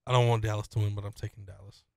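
A man's voice: on the low side, level tone, very fast, creaky, dark tone, dry recording. A man co-hosting a casual sports podcast in a small studio, ribbing his partner playfully and dramatically. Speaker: co-host. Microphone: studio mic on boom arm, headphones.

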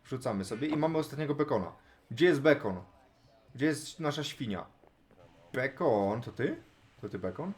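A man commentating his own Minecraft play in casual, chatty talk, chatting to the animals and now and then shouting with excitement. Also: mid-range voice, normal speed, long pauses, faint music behind. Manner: chatty, talks to animals in game, bursts of excited yelling. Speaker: gaming YouTuber.

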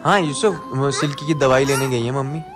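A young man filming a casual family vlog at home, coaxing children and a pet cat in a playful, gentle way. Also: mid-range voice, steady tone, brisk. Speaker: vlogger filming family pets. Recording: music playing under the voice.

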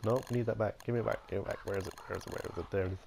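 Male let's-play host, low and gravelly, chatty self-talk over gameplay. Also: fairly even intonation, very fast, darkish tone, slight background noise. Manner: chatty, playful, talks to himself while playing. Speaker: gaming video host. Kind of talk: casual let's-play commentary.

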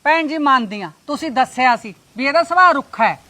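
An actress playing a sharp-tongued, middle-aged visiting aunt in a Punjabi short drama, complaining and scolding with indignation. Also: female voice, sits high, lively intonation, a little fast. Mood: indignant.

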